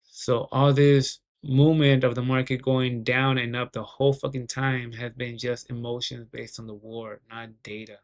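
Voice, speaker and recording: A man's voice: medium pitch, flat delivery, moderate pace. A man giving casual, rambling market commentary, swearing heavily and often restarting his sentences. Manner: profane, rambling, heavy swearing; repeats words and restarts often.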